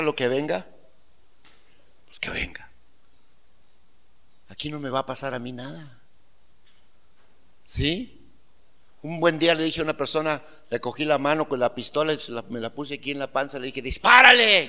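A man preaching a sermon as pastor, swinging from loud emphatic declarations to quiet asides and putting rhetorical questions to the congregation. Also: a little high, a little fast.

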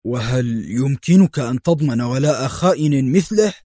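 A firm, commanding intelligence director speaks in a level, measured voice, as a male narrator reads him. The sound is dry and close, with no room around it. He gives orders briskly and expects to be obeyed. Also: mid-range voice, lively intonation, mellow, dry recording, lightly acted. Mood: stern. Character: stern middle-aged male intelligence director.

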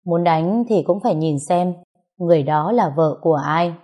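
A woman doing a calm, cold young husband. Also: on the low side, normal speed, lightly acted.

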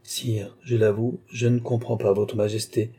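A man's voice: fairly low pitch, flat delivery, unhurried, mellow, husky. A man reading an audiobook, voicing a timid, flustered duke who serves as royal tutor and answers deferentially. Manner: hesitant, deferential, anxious.

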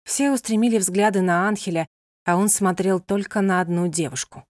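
A woman's voice: medium pitch, normal speed, no room sound. Woman narrating a novel, dry close sound. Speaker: audiobook narrator.

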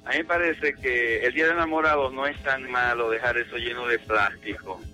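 A man's voice: medium pitch, a little fast, bright, forceful tone, soft background music. A man, calling in to a radio show over a phone line and joking with the hosts. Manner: joking, teasing. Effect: heard over a phone line. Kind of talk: casual chat.

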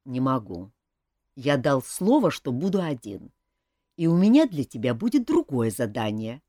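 A woman's voice: rumbling low, very animated, moderate pace, mellow, no room sound, studio quality, heavily acted. A woman reading an audiobook, voicing a sardonic young king who needles his cousin dryly and insistently. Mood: gentle.

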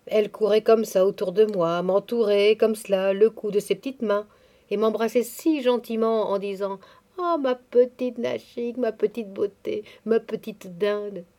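A woman's voice: medium pitch, fairly even intonation, moderate pace, close to an everyday voice. A woman reading the part of a devout, grieving elderly nursemaid, speaking tenderly and confidingly. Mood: mournful. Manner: tender, pious, softly confiding.

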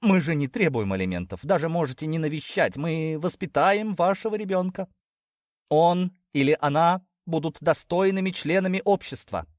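A man's voice: fairly high pitch, moderate pace, no echo, studio quality, voice pushed up, close to an everyday voice. A man voicing a doting, nagging middle-aged ewe mother who fusses and scolds. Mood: fussing. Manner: fussing, scolding.

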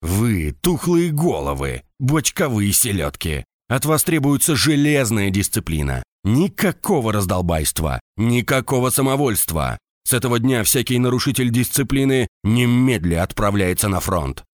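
A man voicing a hoarse, bullying drill sergeant who barks crude insults and commands at his soldiers in an audiobook. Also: mid-range voice, sing-song, normal speed, few pauses, dry recording, studio quality, close to an everyday voice. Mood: barking, scolding. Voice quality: hoarse barking shouts.

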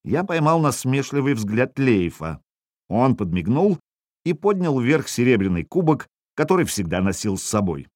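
A man reading a first-person audiobook in a wry, expressive way, voicing the dialogue as he goes. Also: mid-range voice, moderate pace, no room sound, clean studio sound. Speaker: audiobook narrator.

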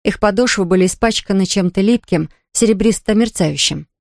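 A woman narrating a children's story in an expressive, steady way. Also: mid-range voice, a little fast, vocal fry, dry recording, clean studio sound.

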